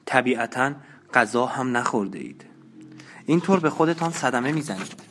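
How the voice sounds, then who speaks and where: A man reading an audiobook and voicing a lively, eager young woman who talks in an animated, caring and slightly coquettish way. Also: medium pitch, pitched above the performer's own voice, lightly acted. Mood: eager, insistent. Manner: animated and concerned, a bit coquettish.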